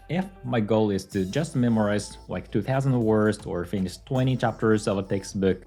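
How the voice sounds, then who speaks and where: Speaking in a lowish voice, a young Japanese man calmly narrates a scripted video about learning languages, delivering it in English, his second language.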